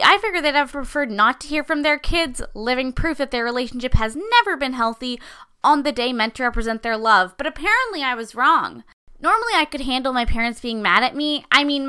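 Woman playing a young waitress-musician, audio drama monologue, high voice, sardonic, wry. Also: sharp tone. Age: 20s. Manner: wry, sarcastic. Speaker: monologue narrator.

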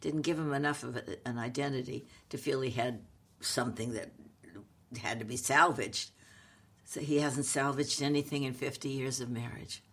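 Woman, late eighties, New with flavor. Halting, wry, playful conversational storyteller. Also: extremely low pitch, steady tone, slightly rough. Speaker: comedic actress, podcast co-host.

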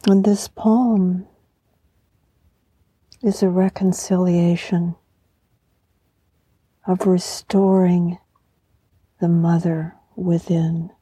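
Very soft, breathy, serene woman guiding meditation. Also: on the low side, little pitch movement, no room sound. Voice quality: soft, breathy, often near a whisper. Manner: serene, soothing, slow and unhurried. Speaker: podcast host and meditation guide. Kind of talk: guided meditation with poetry reflection.

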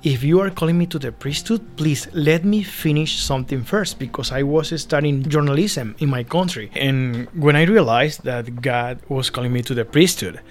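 A man's voice: medium pitch, moderate pace, few pauses, a little hiss or hum. A young man from Venezuela with a Spanish accent, a seminarian guest telling his story earnestly in a casual interview, often repeating words as he searches for them.

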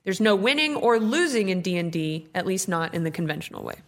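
A woman's voice: on the low side, big pitch swings, a little fast. A woman radio host in casual chat, explaining things plainly and chattily.

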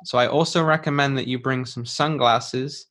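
A man's voice: medium pitch, fairly even intonation, normal speed, fairly bright tone. A man hosting an English-learning podcast, explaining in simple, conversational language and rephrasing for a learner. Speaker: podcast host and English teacher.

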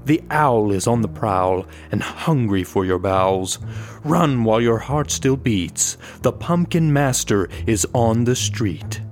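A storybook blackbird that chants its warning in a sing-song rhyme, as a man voicing it. The voice sits mid-height and unhurried, with soft music under it. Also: mid-range voice, lively intonation, lightly acted. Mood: ominous. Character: talking blackbird, ominous warning messenger.

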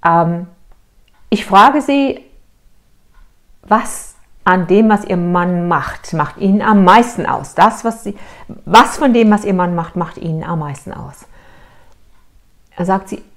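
A middle-aged woman therapist telling a client's case to a video audience, asking questions and answering them herself, sometimes dropping to a hush. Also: fairly low pitch, slow pace, long pauses. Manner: lively, rhetorical questions, answers herself, dramatic drops to a hush. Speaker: therapist in private practice.

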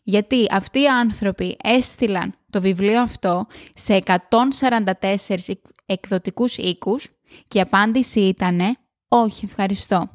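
A woman hosting a motivational podcast at home, talking loudly and emphatically with excitement. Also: medium pitch. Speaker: podcast host. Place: at home alone.

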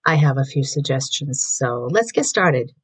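A woman with a raspy voice hosting a mindfulness podcast, calmly guiding listeners through breathing, her voice slightly hoarse from allergies and recorded in an echoey room. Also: rumbling low. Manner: calm, slow guided breathing instructions. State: voice going in and out from allergies. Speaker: podcast host.

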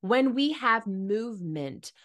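Woman, casual motivational talk, chatty, filler-heavy, animated. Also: a little high, slow pace.

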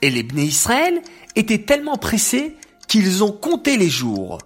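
A woman narrating a children's storybook in an expressive reading voice. Her pitch moves in lively arcs while she keeps a slow, unhurried pace. Faint music sits underneath. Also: slightly rough.

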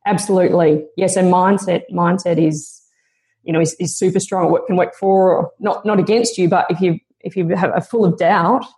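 A woman's voice: lowish voice, steady tone, normal speed, mellow. A woman guest on a podcast interview, speaking in an earnest, motivational and reflective way.

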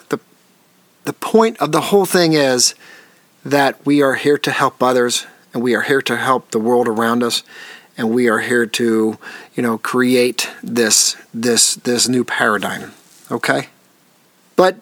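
A man's voice: fairly high pitch, a bit bright, dry recording. Earnest, encouraging male podcast host. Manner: earnest and encouraging, often repeats and restarts phrases; addresses listeners directly as folks. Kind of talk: solo podcast monologue.

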